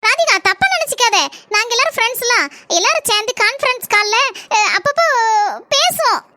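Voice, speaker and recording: A woman's voice: very high-pitched, animated, background noise. A woman with a southern Tamil accent voicing a sociable neighbourhood woman who runs a savings group, in a cartoon. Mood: chatty. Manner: chatty, brisk.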